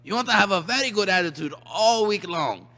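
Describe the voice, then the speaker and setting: High-voiced male kids' presenter in a reverberant hall. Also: animated, brisk, pushed and bright. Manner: mock-earnest, repetitive, emphatic instruction. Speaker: children's camp presenter. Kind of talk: comic rules announcement to children with props.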